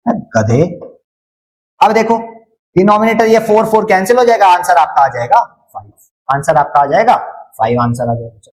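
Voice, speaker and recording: This online maths teacher, a man with a Hindi accent and a high, reverberant voice, keeps drilling students with repeated questions and playfully teases wrong answers. The recording quality is low.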